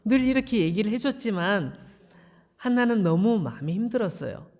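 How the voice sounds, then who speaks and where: A woman pastor retells a Bible story in plain, gentle words, repeating phrases for emphasis. Her voice carries a long reverb from a church sanctuary. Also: mid-range voice, lively intonation, normal speed. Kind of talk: storytelling sermon.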